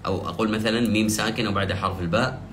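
A man teaching the rules of Quranic recitation, explaining step by step and slowly drawing out the example verses he recites. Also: lowish voice, fairly even intonation, a bit bright, slight background noise. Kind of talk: tajweed lesson.

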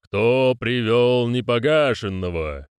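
Solemn booming master of ceremonies, slow, commanding, deep, as a man puts him on. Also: big pitch swings, dry recording. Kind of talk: audiobook character voicing.

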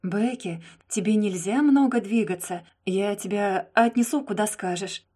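A woman's voice: mid-range voice, unhurried, dark tone, lightly acted. A woman reading the part of a jealous, devoted young man in an audiobook, pleading and insistent.

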